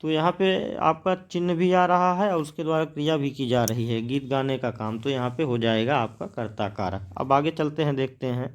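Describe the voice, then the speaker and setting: A man's voice: medium pitch, steady tone, normal speed, few pauses. A man teaching a grammar lesson, writing examples on a board, repeating words as he writes and answering his own questions.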